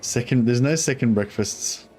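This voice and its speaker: A man's voice: medium pitch, normal speed, a little mellow, soft background music. A man with a broad New Zealand accent giving casual gameplay commentary in a laid-back, sweary, rambling way. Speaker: gaming streamer.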